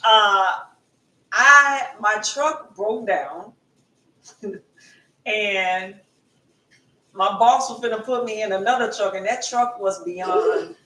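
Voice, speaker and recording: A woman's voice: mid-range voice, slow, pauses often, bright, forceful tone. A middle-aged woman co-hosting a casual chat show, rambling and repeating herself as she tells stories. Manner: rambling, repeats phrases, casual Southern-style grammar. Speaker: podcast co-host. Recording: roomy and distant from the mic.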